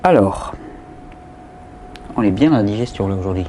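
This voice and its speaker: His voice is on the low side and warm, with lively intonation and a moderate pace, and there's a little hiss or hum in the audio. He's a host taking viewer questions in a casual Q&A, speaking loosely with many fillers and repeated words.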